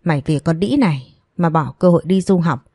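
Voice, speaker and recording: A woman voicing a furious, abusive middle-aged mother who screams insults and scolds in an audio story. Her voice is low and dark. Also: lively intonation, brisk, breathy edge, no room sound, clean studio sound. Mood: furious scolding.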